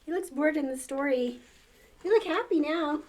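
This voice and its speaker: A woman's voice: high voice, normal speed, darkish tone. An older woman with a grandmotherly manner reads a children's story aloud, coaxing and encouraging with playful asides.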